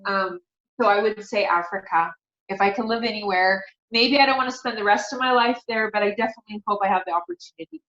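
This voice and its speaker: Speaking fast in a medium-pitched, fairly bright voice, a middle-aged author and speaker shares earnest, devout personal stories as a guest in a casual interview. The recording is dull and echoey.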